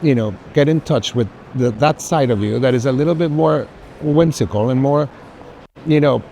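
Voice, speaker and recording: An art collector visiting a fair chats casually and effusively on a walking tour, speaking with emphasis. His medium-pitched voice is warm at a normal speed, with faint noisy ambience from the fair hall behind him.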